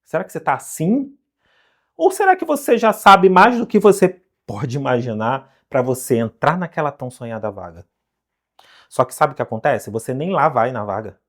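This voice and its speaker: A man from Brazil teaching an online English lesson, animated and coaxing, full of rhetorical questions. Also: mid-range voice, moderate pace.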